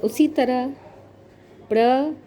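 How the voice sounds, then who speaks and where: A woman teacher giving a grammar lesson, slowly spelling out words piece by piece and repeating them for her students. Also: high-pitched, dark tone, slight background noise. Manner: slow, spelling out words syllable by syllable.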